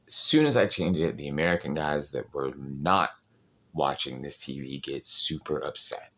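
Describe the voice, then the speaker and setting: A man with a very low-pitched voice tells a restaurant story. He talks casually and animatedly, leaning on fillers like "like" and "um". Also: normal speed, fairly bright tone. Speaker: podcast host, restaurant server.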